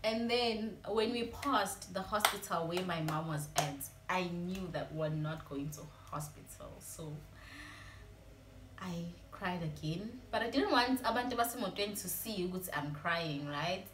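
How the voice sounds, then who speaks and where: A woman's voice: lowish voice, a little slow, a bit bright. A young woman with a South African Zulu accent, telling a personal story in a confiding, emotional way as a vlogger. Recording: echoey room with faint ambient noise.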